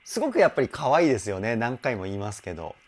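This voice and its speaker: A man's voice: mid-range voice, sing-song, racing. A young man, a vocal coach, chatting enthusiastically while reacting to and analysing a song, laughing often.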